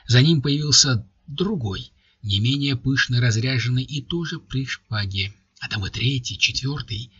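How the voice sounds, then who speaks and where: A male audiobook narrator with a husky, strained edge to his tone, telling the story in an even manner. The recording is dry and a little dull, like lo-fi audio. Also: mid-range voice, moderate pace, dry recording.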